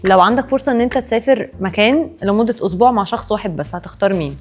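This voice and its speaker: A woman in her twenties with an Egyptian Arabic accent, a game show contestant asking brisk questions in group banter. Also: mid-range voice, slightly rough. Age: 20s.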